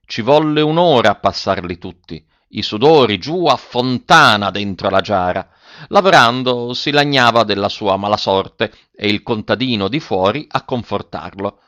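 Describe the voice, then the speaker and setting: A man narrating a story in an expressive, dramatic reading. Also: on the low side, normal speed, no echo, dull audio. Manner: dramatic, animated delivery.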